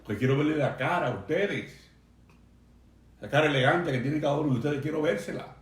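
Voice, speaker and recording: A man pastor preaching a sermon to a remote congregation, earnest and emphatic, slowing down to stress key phrases. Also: a little high, reverberant. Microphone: video stream for a remote congregation.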